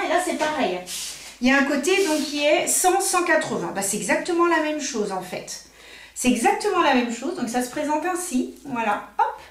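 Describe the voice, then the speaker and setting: A French woman and nail technician chatting casually while unboxing, thinking aloud with many fillers. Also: high-pitched. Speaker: nail technician and makeup artist. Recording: roomy echo.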